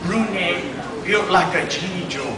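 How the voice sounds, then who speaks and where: A man's voice: high-pitched, measured pace. A man from south Louisiana with a Cajun accent tells folksy, loose, drawling stand-up stories to a live crowd. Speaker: stand-up comedian. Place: live comedy room with audience. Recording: echoey noisy club, far off, loud crowd.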